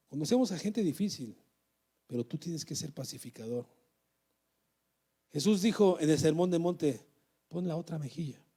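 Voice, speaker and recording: Pastor preaching, warm mellow voice. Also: male voice, on the high side, slightly rough. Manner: exhorting, asks the congregation questions. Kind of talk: sermon. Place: church.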